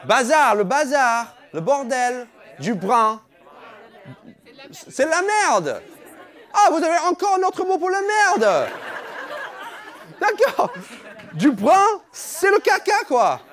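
Male stand-up, high and animated voice, unhurried teasing crowd work, light audience noise. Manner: playful, teasing, mock-outraged at the crowd. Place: comedy club stage. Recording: live club audience audible.

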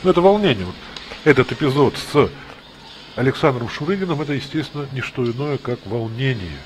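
A man's voice: medium pitch, lively intonation, brisk, noisy background. A man giving live play-by-play ice hockey commentary, mixing exclamations with analytical asides.

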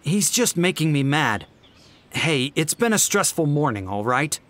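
A man's voice: fairly high pitch, very animated, a little slow, fairly bright tone, reverberant, big-room sound, pitched above the performer's own voice. A man voicing a hostile alien parasite that speaks through a teenage boy, sneering and defensive. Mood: pleading.

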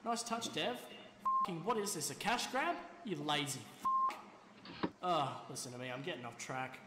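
A man's voice: on the high side, wildly swooping pitch, a little slow, very noisy. A man voicing a cocky, foul-mouthed animatronic villain in a game, taunting and swaggering. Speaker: game character.

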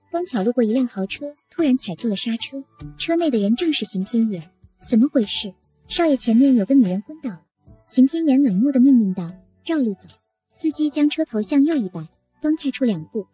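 High-voiced woman narrating a story. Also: mellow. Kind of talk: audio comic storytelling. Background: faint background music.

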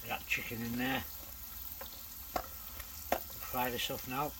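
Speaking slowly in a flat, medium-pitched voice that is bright and forceful, an older angler vlogs from a bankside bivvy at dusk, cooking curry as he fishes. His narration is chatty and matter-of-fact. The low-quality recording carries a little hiss or hum.

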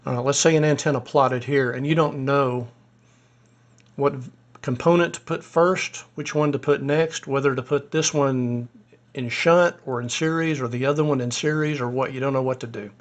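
A man talks through a screen-recorded tutorial at an easy pace, explaining each step as he goes and pausing to think aloud. His voice is a bit hoarse and sits at an ordinary middle pitch. It has the feel of a hobbyist recording at his desktop computer. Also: steady tone, muffled recording. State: a little hoarse. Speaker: ham radio hobbyist demonstrating software.

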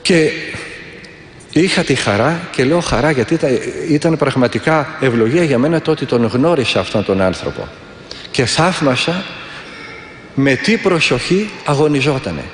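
With a mid-range voice and lively intonation, an Orthodox monk preaches and tells stories, his delivery earnest and vivid, with prayers repeated. The reverberant hall echoes, and there's slight background noise.

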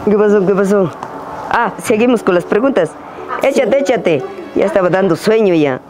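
With a high-sitting, expressive voice at a moderate pace, a young vlog host runs a casual Q&A outside on a rural hillside. He's playful, teasing and slangy, addressing a camera a few feet away. Outdoor ambience and passing traffic sit in the background.

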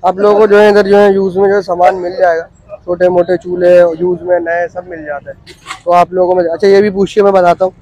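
A chatty man in his thirties with a fairly high voice walks a busy outdoor street market, recorded on a handheld phone camera. He asks vendors their prices and repeats them to his viewers in a casual walkthrough style. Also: little pitch movement, a little fast, mellow, dry recording, poor audio. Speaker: vlogger touring a market.

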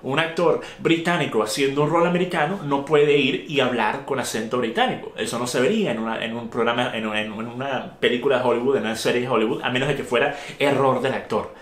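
A man's voice: medium pitch, fast talker, few pauses. Indignant man in an echoey room. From Venezuela. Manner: indignant, emphatic, with rhetorical questions. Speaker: video commentator. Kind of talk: opinionated review monologue.

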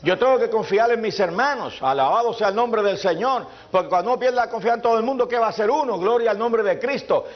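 A man preaching a fervent sermon in church, peppering it with hallelujahs and breaking into shouts. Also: high voice, animated, quick pace, few pauses. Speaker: pastor. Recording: dull lo-fi church recording.

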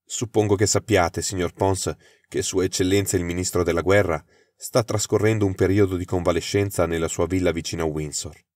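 A man's voice: sits low, fairly even intonation, fairly quick, a little mellow, dry recording, clean studio sound, close to an everyday voice. A man voicing a flustered, anxious young government official who explains his trouble earnestly.

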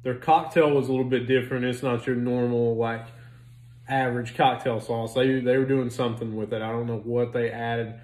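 A man's voice: medium pitch, normal speed. A man in his thirties chatting casually about a restaurant meal, rambling and joking, recorded at home on a phone camera. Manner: relaxed, rambling, jokey. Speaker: restaurant reviewer. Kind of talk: casual chat. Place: home living room, indoors. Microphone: phone camera on a stand. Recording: roomy echo.

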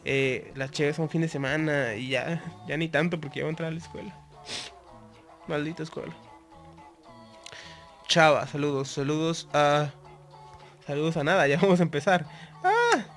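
A man's voice: on the high side, steady tone, moderate pace, long pauses, a bit bright, soft background music. A man with a Mexican accent giving live gameplay commentary, chatty and constantly greeting viewers. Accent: Mexican Spanish. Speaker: gaming YouTuber.

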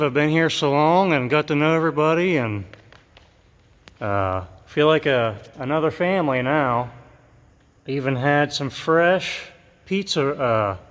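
A man's voice: medium pitch, a bit bright. A middle-aged man, a mural painter, casually showing his work on a walkthrough, chatty with many fillers. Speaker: mural painter giving a tour. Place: large empty school gymnasium. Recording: long gym reverb.

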